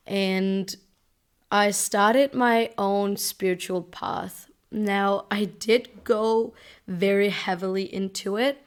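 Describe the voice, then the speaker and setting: A young woman in her twenties, from Denmark, hosts her own podcast. She speaks slowly and unhurriedly, with a smooth, clear voice and a gentle, reflective manner. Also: mid-range voice. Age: 20s. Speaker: podcast host. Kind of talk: casual solo podcast talk.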